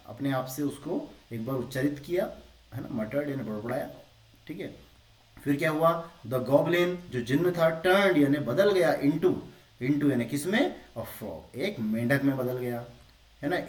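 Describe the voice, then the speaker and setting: A man teaching English grammar in a classroom style, explaining slowly, repeating phrases and keeping up a stream of rhetorical questions. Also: a little high, a little mellow, roomy sound, far from the mic.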